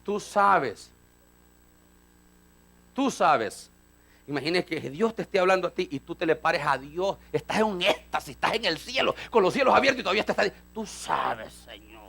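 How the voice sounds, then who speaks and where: A man preaching a fiery sermon, rising to shouts and acting out dialogue between characters. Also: sits high, rapid-fire, vocal fry, hardly any pauses. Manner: fiery, rising to shouts, acts out voices of Peter and God.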